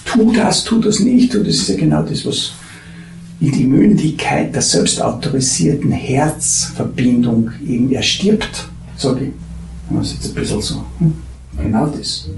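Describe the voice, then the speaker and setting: A man giving a meandering spiritual talk, halting and searching for words, drifting from soft murmurs into animated bursts. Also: medium pitch, gravelly, slight background noise. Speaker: spiritual teacher. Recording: echoey room with faint ambience.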